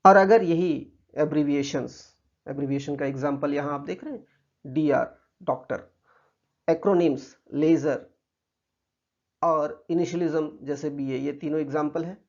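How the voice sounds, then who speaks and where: A man with an Indian accent teaching a grammar lesson, patiently explaining slides and reading English examples slowly. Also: a little high, a little mellow. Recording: muffled lo-fi recording.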